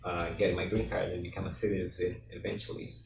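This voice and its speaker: A man whose first language is Portuguese, answering interview questions in halting English and often searching for words. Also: sits low, level tone, gravelly. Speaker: interview guest. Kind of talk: casual conversational interview. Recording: echoey room from far off, music behind.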